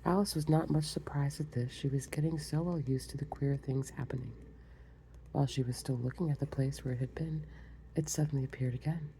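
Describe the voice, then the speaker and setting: A woman reads a storybook in soft, unhurried whispered role-play, adding quiet asides. Her voice is very low and mellow, with a faint hiss of background noise. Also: fairly even intonation, poor audio. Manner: soft, close, unhurried ASMR reading with asides. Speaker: ASMR reader.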